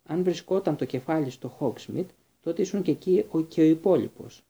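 A man's voice: fairly high pitch, lively intonation, creaky, mellow, muffled recording. A man reading aloud and voicing a stern, sneering male professor who interrogates coldly. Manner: sardonic, interrogating.

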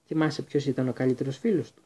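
Strict older lady professor, man voicing her, clipped and sharp, dark voice. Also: medium pitch, close to an everyday voice. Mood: indignant. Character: stern older female professor, indignant.

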